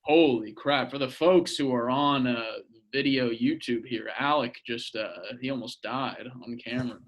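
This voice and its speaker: Young man, mid pitch, crude humor, filler-heavy, casual podcast chat. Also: steady tone, normal speed. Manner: crude jokes, trailing off with fillers. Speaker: podcast co-host.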